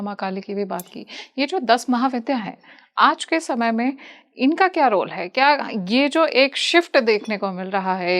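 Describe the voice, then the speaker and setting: Attentive woman interviewer. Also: fairly high pitch. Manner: attentive, frequent listening murmurs. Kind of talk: interview questions.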